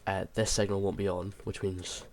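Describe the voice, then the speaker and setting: Sick, low-voiced man with gravelly creak. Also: monotone, moderate pace. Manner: hesitant, thinking aloud as he explains. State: sick, sounding unwell. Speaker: video creator explaining a game build. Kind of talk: informal tutorial commentary over gameplay. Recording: clear background noise, mouse and keyboard clicks.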